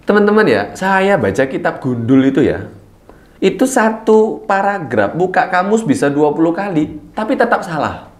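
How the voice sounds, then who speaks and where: A man speaking as a guest preacher, telling his story in an animated way, swinging between low murmurs and excited high bursts and laughing as he goes. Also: moderate pace. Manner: laughs while telling stories. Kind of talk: storytelling interview talk.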